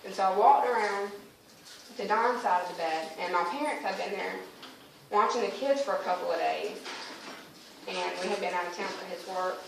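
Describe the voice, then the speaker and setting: A woman's voice: medium pitch, moderate pace, vocal fry. A woman gives her personal testimony as a church member, telling the story in a conversational way and voicing her exchanges with God. She is recorded from a distant mic, so her voice comes across roomy and very echoey. A faint hiss of noise sits under her speech.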